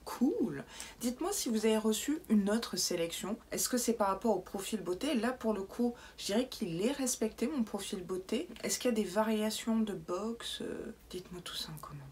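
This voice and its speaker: A woman's voice: mid-range voice, expressive, moderate pace, a little mellow, a little hiss or hum. Chatty woman unboxing beauty products. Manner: chatty and wry, drops into whispered asides. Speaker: beauty box unboxing vlogger. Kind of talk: casual unboxing commentary.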